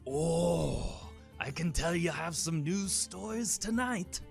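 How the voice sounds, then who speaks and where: A man's voice: on the high side, animated, slow pace, creaky, soft background music, heavily acted. A man impersonating a hearty, welcoming fantasy tavern innkeeper. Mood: hearty welcome. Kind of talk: character impression.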